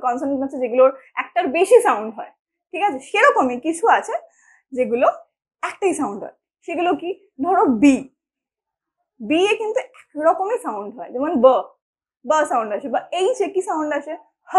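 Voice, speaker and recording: A woman gives an English pronunciation lesson. Her voice sits high and swings widely in pitch. She explains patiently and keeps checking that her learners follow. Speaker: English teacher. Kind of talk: spoken English lesson for Bengali speakers.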